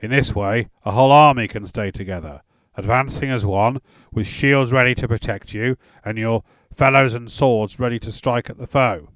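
A man voicing a gruff veteran warrior in his late forties who barks stern instructions at boys. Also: moderate pace, few pauses, a bit bright, no room sound, natural voice. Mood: stern instructing. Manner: booming, stern drill instructor.

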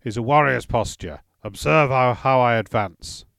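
A man voicing a gruff veteran warrior in his late forties who barks stern instructions at boys. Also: moderate pace, fairly bright tone, no room sound. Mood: stern instructing. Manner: booming, stern drill instructor.

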